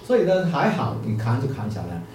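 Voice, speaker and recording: A man's voice: medium pitch, huge pitch swings, a little fast, a little mellow, a little hiss or hum. A man preaching, telling a parable and putting questions to his listeners. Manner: storytelling, asks the listeners questions. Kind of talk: sermon with a parable. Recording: echoey room, distant mic, faint music.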